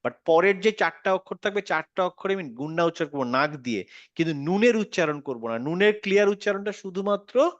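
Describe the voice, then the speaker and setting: A man's voice: high voice, lively intonation, fairly quick, no room sound, muffled recording. A man teaching a Quran recitation lesson, patiently repeating words and checking that his student follows. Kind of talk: online tajweed lesson.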